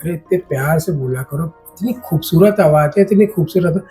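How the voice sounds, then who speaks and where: Low, dark-voiced woman bantering in a sketch. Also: moderate pace, soft background music. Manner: teasing, whiny bantering. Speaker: comic actress. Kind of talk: comedy sketch.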